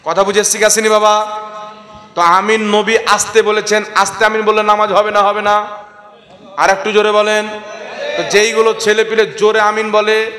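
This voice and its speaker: West bengal accent guy preaching, real high bright voice, rhetorical questions, big echoey hall. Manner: exhorting, calls on the crowd to respond. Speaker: Islamic preacher. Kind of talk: sermon.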